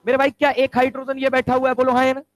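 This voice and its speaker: A male chemistry teacher lecturing a class, firing quick rhetorical questions and answering them himself. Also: very high-pitched, monotone, dry recording, low-quality recording. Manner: answers his own questions aloud.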